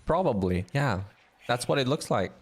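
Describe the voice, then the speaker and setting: A man calls an online game match in an average-pitched voice. His pitch swings widely as he explains plays. He asks his co-caster questions between fights. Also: normal speed, slightly rough. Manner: curious, explanatory, animated. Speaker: esports commentator. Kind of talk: casual game commentary.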